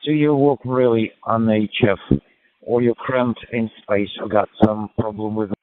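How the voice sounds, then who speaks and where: Male ham operator heard over a radio link, lowish voice, steady methodical delivery, thin tinny dry audio. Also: unhurried, no room sound. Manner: methodical call signs, plainly worded weather report. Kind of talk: casual radio contact.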